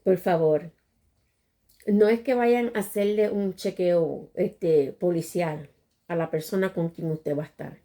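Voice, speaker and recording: Animated woman. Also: on the low side, normal speed. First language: Spanish. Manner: animated and expressive, switching between Spanish and English. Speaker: co-host. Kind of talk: casual bilingual chat.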